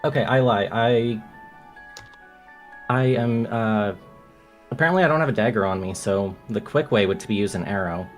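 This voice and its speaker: A man with a lowish voice plays a tabletop role-playing game. He talks casually and haltingly as he works out his actions. Soft music sits underneath. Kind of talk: casual improvised game chat.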